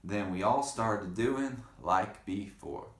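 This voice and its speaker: A man with a lowish voice reads a picture book aloud to children slowly, playfully and dramatically, adding chatty asides to the kids. The room sounds roomy and echoing.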